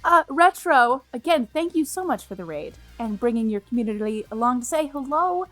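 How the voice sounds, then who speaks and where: Cute bubbly streamer girl, kinda high voice, playful gaming chat w viewers, bit of game music underneath. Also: expressive, normal speed, a bit bright, poor audio. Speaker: video game livestreamer. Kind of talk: livestream chat while playing a game.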